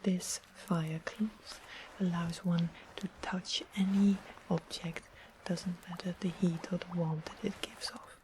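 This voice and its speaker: Whispering right at the microphone, a woman voices a sly, sweet-mannered witch of the west who keeps potions, lingering over each explanation slowly and deliberately. Her voice is lowish and steady in tone, her mood calm yet sly, and steady background noise runs beneath the fantasy ASMR roleplay.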